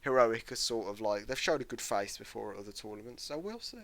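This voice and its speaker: Man, British accent, late teens, casual podcast banter, chatty, drops to quiet asides. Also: fairly low pitch, lively intonation, quick pace, no echo. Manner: chatty, loud, self-described obnoxious, trailing into quiet asides. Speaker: podcast co-host. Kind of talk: casual chat.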